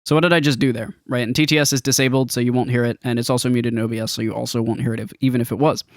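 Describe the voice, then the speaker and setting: This developer's medium-pitched voice holds a steady tone while he talks rapid-fire over a screen capture of his own game. His informal tutorial drifts a little as he thinks aloud, and the studio-quality sound has no echo.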